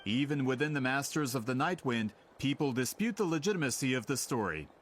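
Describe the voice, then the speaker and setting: A male actor takes on the role of a pushy author in a video game, assured and a bit impatient as he pursues a story and what he wants. The mid-range voice is animated, a little fast and natural-sounding, with slight background noise.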